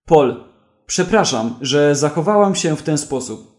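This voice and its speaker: A man's voice: fairly high pitch, lively intonation, a little slow, darkish tone, roomy sound. A man voicing a cold, armed woman bent on revenge, giving curt commands. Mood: pleading.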